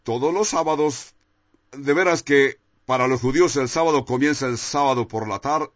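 A man's voice: mid-range voice, moderate pace, dry recording. A man preaching a sermon and telling a personal testimony in an earnest, confessional way. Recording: dull, dry, lo-fi sound.

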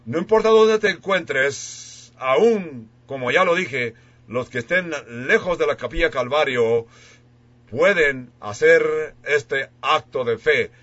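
A man preaching as a radio pastor, slowly leading his listeners in a solemn altar-call prayer they repeat after him. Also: a little high, fairly bright tone, no room sound, muffled recording.

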